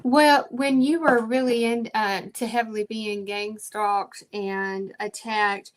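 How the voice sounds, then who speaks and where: A woman podcast host asking her guest questions, pausing and searching for her words. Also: on the high side, steady tone. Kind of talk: interview questions.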